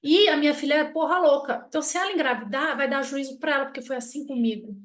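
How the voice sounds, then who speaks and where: High-voiced, blunt woman teaching. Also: fast talker. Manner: animated storytelling, acting out quoted people; blunt, self-mocking. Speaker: family constellation teacher. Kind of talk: casual spoken lesson.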